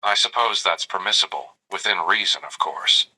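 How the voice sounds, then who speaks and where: Deep and exaggerated, this synthetic man speaks at normal speed with a pushed, bright quality on a low-quality recording. In tender tones, he plays a flirty, doting AI companion replying in roleplay, narrating what he does and calling the listener darling.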